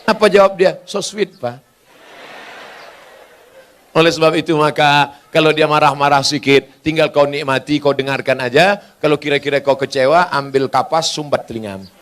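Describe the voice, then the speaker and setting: A man's voice: a little high, steady tone, fairly quick, hardly any pauses, fairly bright tone. A man with a Malay accent giving a humorous sermon in answer to questions, teasing and sing-song, rising to emphatic peaks. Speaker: preacher.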